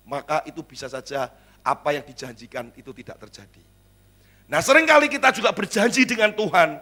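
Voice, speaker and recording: A middle-aged man preaching in a church, his voice sitting on the high side for a man. He swings from booming exclamations down to soft, conversational asides, slipping into little acted-out exchanges as he goes. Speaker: pastor. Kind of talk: sermon.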